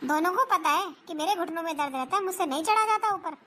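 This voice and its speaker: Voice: very high-pitched, quick pace, bright, forceful tone, slight background noise. A performer voicing an older mother-in-law who complains about her aching knees and scolds the household, in a family comedy skit. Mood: complaining. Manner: complaining, self-pitying scolding.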